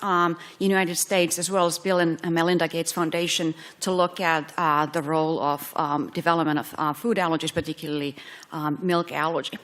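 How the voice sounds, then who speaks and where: A middle-aged woman from Finland giving a scientific conference lecture, explaining carefully with many pauses and fillers. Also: lowish voice, fairly bright tone. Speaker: physician researcher giving a conference talk.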